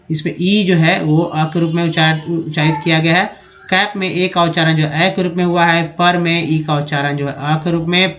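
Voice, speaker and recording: A man teaching a video lesson in Hindi, patiently explaining English vowel sounds and spelling words out letter by letter. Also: fairly high pitch.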